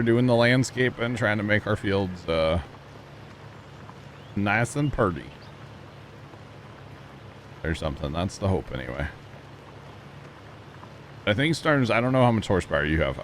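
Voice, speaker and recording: A man's voice: sits low, slight background noise. A man on a livestream, talking casually into a headset mic while he plays a farming game and greets his chat. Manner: greets chat viewers casually, relaxed and chatty.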